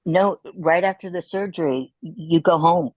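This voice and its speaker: Low-voiced middle-aged woman telling stories. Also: moderate pace, lo-fi sound. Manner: storytelling, laughs often. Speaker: guest. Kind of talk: casual chat.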